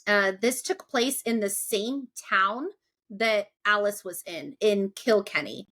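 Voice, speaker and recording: A woman's voice: mid-range voice, takes it slowly, a bit bright. A young woman hosting a podcast in casual, chatty talk, laughing often. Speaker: podcast host.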